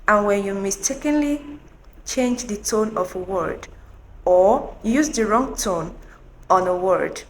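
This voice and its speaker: Woman, Mandarin teacher, slow and deliberate, asks the viewer questions, roomy echo, faint background noise. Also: lively intonation. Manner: sings out tone examples at a higher pitch. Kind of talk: online language lesson.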